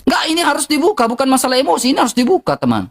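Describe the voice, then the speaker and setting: A woman's voice: high voice, huge pitch swings, racing. A woman with an eastern Indonesian accent, ranting heatedly and bluntly to her livestream viewers, repeating herself for emphasis.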